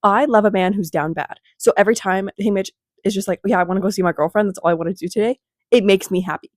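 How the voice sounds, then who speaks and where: A young female book vlogger, congested from a cold, casually rambles through a book recap at home by her bookshelf, fast and bubbly. She has a mid-range voice, captured in a dry recording with clean studio sound.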